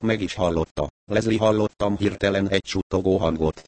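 A man reading a first-person mystery story aloud, in measured storytelling narration. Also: low voice, darkish tone, slight background noise. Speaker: audiobook narrator.

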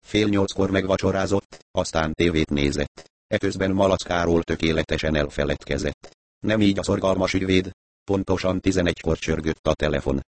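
Deep-voiced male audiobook narrator. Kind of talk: scripted narration of a novel.

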